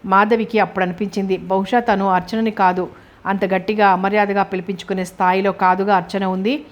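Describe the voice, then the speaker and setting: A woman reading a novel aloud as an audiobook narrator. Her voice sits at a middle pitch and stays flat and even, with a steady, scripted delivery. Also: fairly quick.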